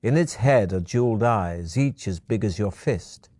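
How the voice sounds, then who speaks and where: A man narrating a fantasy gamebook adventure in the second person, in a measured storytelling manner. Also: on the low side, expressive, darkish tone, dry recording.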